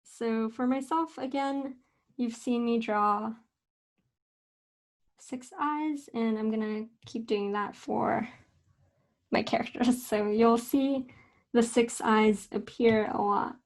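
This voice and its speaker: A young woman teaching a casual drawing lesson, talking in a relaxed, chatty way with fillers and self-corrections. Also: a little high, slow, pauses often. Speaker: art instructor.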